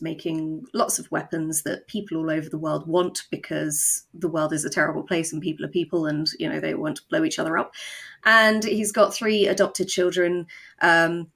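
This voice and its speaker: A woman with a fairly low, creaky voice and a fairly bright tone is an interview guest and co-creator of an audio drama. She explains her creative work conversationally, with a wry, dry sense of humour.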